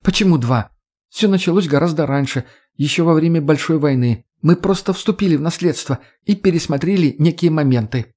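A man's voice: on the high side, a little fast, darkish tone, voice pushed up, close to an everyday voice. A man voicing a sly, teasing young redheaded woman who swears and mocks in an audiobook. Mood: mocking.

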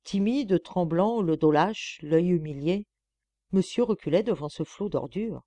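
A woman narrates a classic novel as an audiobook in a steady, measured way. Her voice sits on the low side. The recording is close and dry. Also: dry recording. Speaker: audiobook reader.

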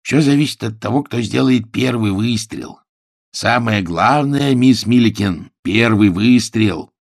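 A man voicing a shy, earnest man who is proud of his gun, speaking slowly and deliberately. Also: medium pitch, no room sound, studio quality, voice pushed up. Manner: slow, deliberate, gravelly.

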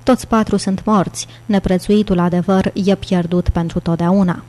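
A woman's voice: fairly low pitch, steady tone, mellow, natural voice. Woman voicing a frightened, defiant nun. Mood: despairing. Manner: pleading, then defiant.

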